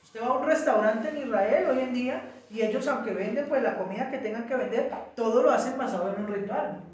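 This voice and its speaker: A man teaching a small group in a relaxed way, explaining step by step and checking in with his listeners. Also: very high-pitched, brisk, muffled recording. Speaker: Bible study teacher. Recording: echoey room, mic far off.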